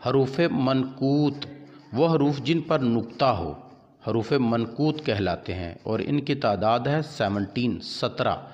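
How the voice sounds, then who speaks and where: A man with an Urdu accent teaching a grammar lesson, listing examples slowly one by one. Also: medium pitch, animated, darkish tone. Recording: dull lo-fi audio with long reverb and faint background hiss.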